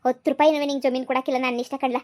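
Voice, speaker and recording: A woman playing a scolding, sharp-tongued village mother in a comedy skit. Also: sits high, flat delivery, lightly acted. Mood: blaming. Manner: scolding, fast rustic nagging.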